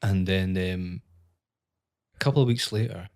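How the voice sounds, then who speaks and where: A woman's voice: rumbling low, unhurried. A woman, co-hosting a podcast and telling a story in casual chat, acting out the quotes. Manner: animated storyteller, acts out quotes. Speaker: podcast co-host.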